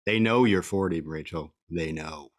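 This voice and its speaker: A man's voice: low voice, moderate pace, no echo, studio quality. Rambling, laughing man in his forties. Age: 40s. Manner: rambling, self-mocking, laughs often. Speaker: podcast co-host. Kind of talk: casual chat.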